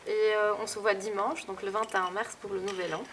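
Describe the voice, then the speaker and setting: A young woman from Palestine who narrates and interviews in a soft, steady way. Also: mid-range voice, fairly quick, noisy background. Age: young adult.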